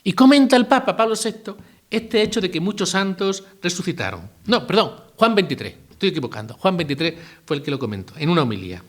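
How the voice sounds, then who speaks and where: A man, giving a relaxed retreat talk as a priest, asking his listeners questions and adding asides. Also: sits high, fast. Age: 50s. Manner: conversational, asks listeners rhetorical questions, adds asides and jokes.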